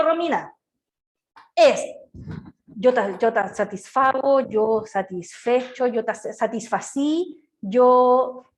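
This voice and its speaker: A middle-aged Chilean woman gives an online lecture over a video call. Her voice sits high, and she keeps checking in with her listeners as she talks. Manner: lively, chatty, asks "¿ya?" and "¿cierto?" often. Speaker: teacher.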